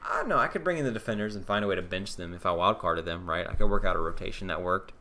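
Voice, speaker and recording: A young man with a lowish voice chats on a live stream, answering viewers. He thinks aloud in a loose, casual way, full of ums and restarts. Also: racing, bright, forceful tone. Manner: casual, answers viewer questions, many fillers. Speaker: fantasy football streamer.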